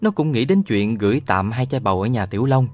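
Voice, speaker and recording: Male audiobook narrator, animated and close-miked, quiet music bed behind. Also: mid-range voice, a little fast. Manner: lively storytelling, voices all the characters. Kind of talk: scripted narration of a children's novel.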